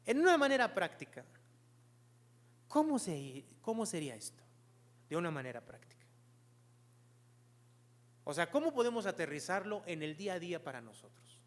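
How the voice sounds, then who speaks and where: A man's voice: high voice, big pitch swings, normal speed, long pauses, in a large hall. A man preaching a sermon as pastor, earnestly explaining and asking the congregation rhetorical questions.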